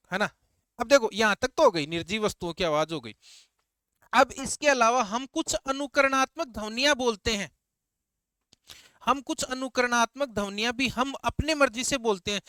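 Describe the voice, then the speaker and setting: A man's voice: high-pitched, sharp tone, smooth, no room sound. A male teacher giving a grammar lecture, asking the class questions and answering them himself while repeating key terms.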